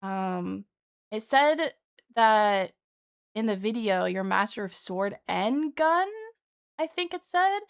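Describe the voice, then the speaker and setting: A woman streamer talking casually in a reaction video, musing informally with hesitant, drawn-out phrasing. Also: medium pitch, expressive, clean tone.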